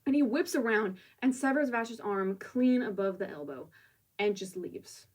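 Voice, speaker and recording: A woman with a husky voice recaps a manga for a review. She muses over the scenes and drops in casual asides. Her mic sits some way off, so she sounds slightly distant. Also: mid-range voice, expressive, a little slow. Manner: reflective, musing, casual asides.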